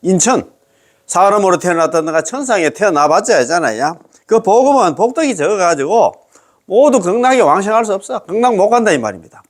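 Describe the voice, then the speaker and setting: A man's voice: high-pitched, sing-song, brisk. A man with a Gyeongsang accent giving a chatty Buddhist dharma lecture, exclaiming and laughing often as he explains a sutra. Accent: Gyeongsang Korean.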